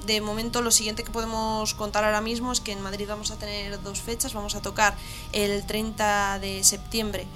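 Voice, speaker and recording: A woman from Spain, a band musician guesting on a radio show, talking in an upbeat, playful way. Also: mid-range voice. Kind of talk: casual radio interview. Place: radio studio.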